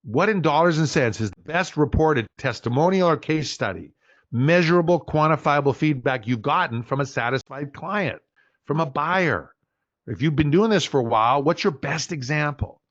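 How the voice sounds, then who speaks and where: An older man in his sixties leads a business workshop and throws himself into his stories, acting out the other people's voices. His voice sits a little high, and it comes through a dull, lo-fi online call. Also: normal speed. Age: 60s. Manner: animated storyteller, acts out voices. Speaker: business coach. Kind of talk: workshop talk with storytelling.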